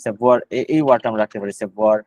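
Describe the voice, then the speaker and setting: A man's voice: on the low side, fairly even intonation, rapid-fire, a little mellow, dry recording, low-quality recording. A man teaching GRE vocabulary in a live online class, explaining each word in Bengali with English terms mixed in and repeating the words as he goes.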